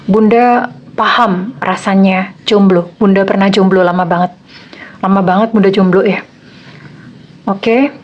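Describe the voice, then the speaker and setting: A woman's voice: mid-range voice, steady tone, measured pace, long pauses, lo-fi sound. Middle-aged woman reading tarot for viewers, chatty, lots of fillers, acts out little quotes. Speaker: tarot reader.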